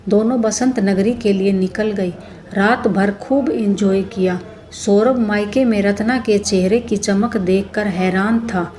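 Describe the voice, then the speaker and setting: Woman reading a family story aloud, steady, mid-pitch voice. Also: a little slow. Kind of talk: scripted story narration.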